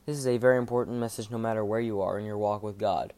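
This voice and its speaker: Monotone man with a low, mellow voice. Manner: informal, rambling, halting self-corrections. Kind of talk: casual devotional podcast talk.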